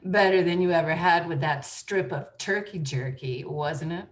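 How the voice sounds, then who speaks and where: A woman voicing a brazen, sultry female seductress who teases in a low, purring voice during an improvised comedy scene. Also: normal speed, lightly acted. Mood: teasing, sultry.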